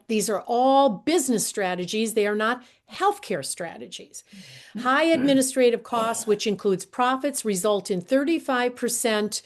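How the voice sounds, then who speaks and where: A woman in her sixties giving an earnest presentation talk, hoarse and losing her voice, and often clearing her throat. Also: fairly high pitch. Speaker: guest speaker, healthcare advocate.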